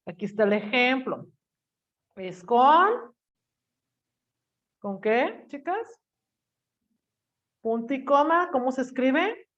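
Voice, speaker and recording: A woman teaches a class in a chatty, teasing way, often stopping to quiz her students. Her voice sits a bit high. The audio is dull and muffled, like lo-fi sound. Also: lively intonation, takes it slowly, long pauses, fairly bright tone. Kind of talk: online class lecture.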